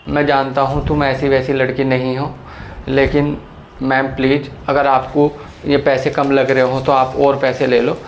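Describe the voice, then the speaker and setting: A man's voice: medium pitch, completely flat delivery, a little slow, roomy sound, slight background noise, natural voice, low-quality recording. A man playing a brazen, pushy house servant in a family drama skit, wheedling and insistent. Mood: pleading. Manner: wheedling and insistent, keeps pressing money.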